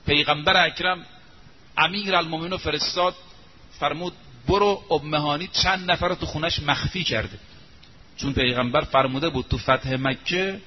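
A man preaching a sermon, telling a story emphatically and drawing out quoted phrases slowly. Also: a little high. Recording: muffled lo-fi recording, faint hiss.

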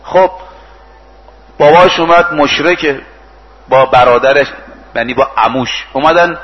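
A man's voice: on the high side, in a large hall, highs cut off. A male preacher giving a sermon. He retells stories, acts out the speakers' lines and recites Arabic verses. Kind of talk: sermon with storytelling.

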